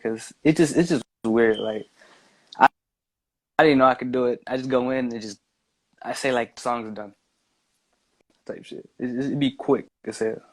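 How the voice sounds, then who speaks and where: A man with a mid-range voice, a music maker appearing as a podcast guest, chats casually in a loose, meandering, slangy way, dropping plenty of filler words. The recording is dry and rough.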